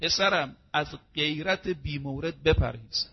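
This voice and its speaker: A man preaching a sermon in an emphatic, rhetorical way, piling up examples in quick runs. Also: fairly high pitch, slightly rough, dull audio.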